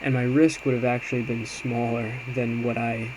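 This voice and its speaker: Medium-pitched and at a normal speed, a man informally reviews his trades as an amateur day trader. He sounds hesitant and self-reflective, chatting casually while walking through a screen. The recording is clear with constant background noise.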